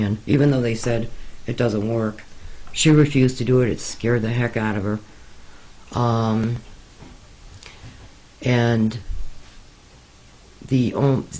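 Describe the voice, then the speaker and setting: Slow, halting man telling his story. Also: medium pitch, a little mellow, rough recording. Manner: hesitant, many pauses and fillers. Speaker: interviewee recounting experiences. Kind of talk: slow, halting personal account.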